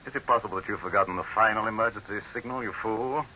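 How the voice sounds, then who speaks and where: In the style of a 1930s radio horror drama, a male actor plays a pompous, tyrannical dictator, haughty and imperious, barking angry commands with scorn until he cracks into panic. His voice is lowish, pushed and bright, and quick, heard through a hissy, dull 1930s radio recording.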